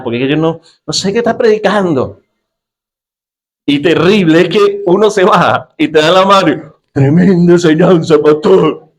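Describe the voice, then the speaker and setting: A middle-aged male pastor giving a humorous sermon, acting out quotes with sudden jumps in pitch.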